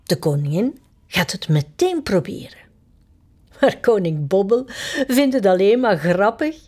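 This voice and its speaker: A woman reading a children's story aloud in an expressive storytelling style. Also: mid-range voice. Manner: slow, expressive, animated.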